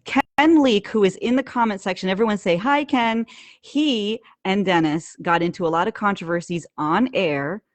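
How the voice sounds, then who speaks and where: A woman co-hosting a live chat show, animated and teasing, cutting in often. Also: medium pitch, normal speed. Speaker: co-host.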